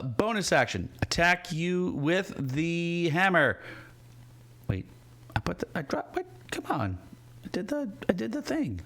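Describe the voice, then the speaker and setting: A man's voice: on the high side, a bit bright. A man as game master, casually and playfully narrating a tabletop fantasy game. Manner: playful, informal.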